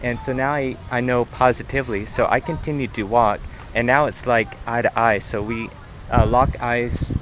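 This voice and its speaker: Walking through an outdoor park near traffic, a young male vlogger earnestly retells a story, restarting and repeating himself often. His voice is medium-pitched and a bit bright, with fairly even intonation, a moderate pace, and a little hiss or hum.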